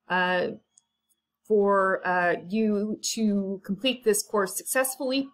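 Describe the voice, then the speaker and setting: A woman college instructor walking through her course syllabus in a casual, informal way, with frequent fillers, asides and the odd cough. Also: mid-range voice. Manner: chatty and informal, many ums and asides. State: coughing now and then. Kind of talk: casual syllabus walkthrough lecture.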